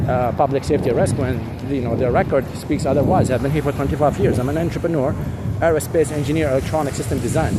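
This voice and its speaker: A middle-aged man, speaking natively, talking in a rambling, insistent way with many fillers while recording himself on a rainy city street. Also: medium pitch. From Syria. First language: Arabic. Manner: insistent, repetitive, full of fillers. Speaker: vlogger. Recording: noisy street with traffic. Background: traffic noise.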